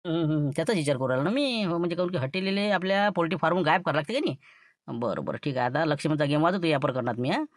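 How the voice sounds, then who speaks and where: A man's voice: a little high, lively intonation, very fast, dry recording, studio quality, close to an everyday voice. A man with a Varhadi Marathi accent playing a boastful schemer in a comic sketch, rambling about his plans. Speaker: scheming villager in a comedy skit.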